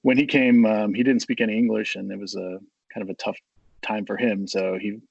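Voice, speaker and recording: A man's voice: fairly low pitch, fairly even intonation, fairly quick, vocal fry, darkish tone, breathy edge, no echo, dull audio. A young American man, a coffee company co-founder, talking as a guest in a friendly, rambling way with many fillers. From United States. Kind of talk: casual interview.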